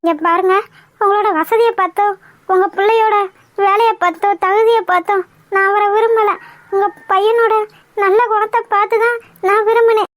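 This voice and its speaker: A woman's voice: very high voice, steady tone, normal speed. A woman voicing a young bride in a cartoon, pleading and defending herself. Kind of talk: cartoon voice acting.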